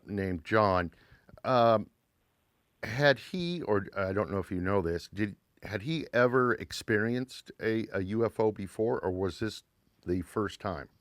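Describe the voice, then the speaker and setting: A man's voice: fairly low pitch, no echo. A man hosting a talk show, interviewing a guest and repeating words hesitantly as he frames his questions.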